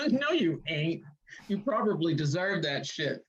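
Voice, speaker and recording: During an informal screenplay table read, a woman plays a witty poet teasing an old lover she's come to visit, her mood playful yet reflective. She uses an American accent and slangy delivery, and her fairly low, husky voice moves slowly in a sing-song, heavily acted way over lo-fi sound.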